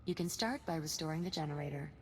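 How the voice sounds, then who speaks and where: A woman playing a calm, precise facility aide in a video game, speaking in a measured, formal way. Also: deep voice, slight background noise. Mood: grave, measured.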